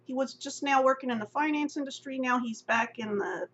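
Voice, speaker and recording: A woman's voice: high voice, a little fast, fairly bright tone. A middle-aged woman vlogging in a rambling, self-deprecating casual chat, often laughing. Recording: dull lo-fi audio with faint hum.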